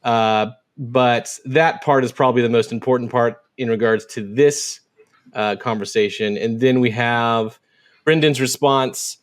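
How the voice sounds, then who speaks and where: A man hosting a podcast, chatting casually with a guest. His pitch sits in an ordinary middle range. Now and then he rattles off quoted posts quickly, with small fillers between. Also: steady tone. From United States. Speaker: podcast host.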